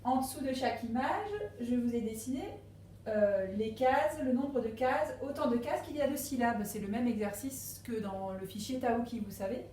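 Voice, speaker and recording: A woman teaching a phonics lesson to young children at a distance, speaking slowly and patiently and stressing each syllable. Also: a little high, mellow, reverberant, a little hiss or hum. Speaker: primary school teacher. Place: classroom with a board.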